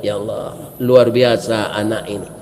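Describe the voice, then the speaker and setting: A man voicing a kindly king who prays in a hushed, tearful voice, with a Minangkabau accent. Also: on the low side, fairly even intonation, a little slow, voice pushed down, natural voice. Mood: tearful awe. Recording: echoey hall, faint noise.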